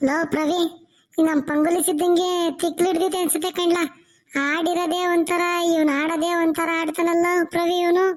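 A woman voicing a simple, scared village boy in a cartoon, speaking rustic Tumkur Kannada in a rapid, worried way. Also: very high voice, level tone, voice pushed up. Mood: puzzled. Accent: rural Tumkur Kannada.

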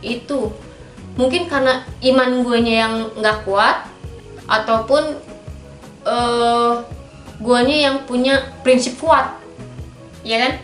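A woman in her thirties, appearing as a guest in a candid personal interview, speaks frankly and firmly about her own life, using many filler tags. Her fairly high voice is slow and fairly even, with long pauses. The small pink-decorated indoor studio gives a roomy echo, with faint music in the background.

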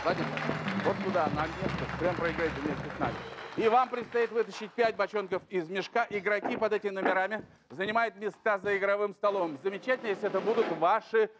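Middle aged guy bingo caller on a tv lottery show, highish voice, stretches out the numbers, noisy old studio tape. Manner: drawn-out, emphatic calling of numbers. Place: large TV game show studio with audience.

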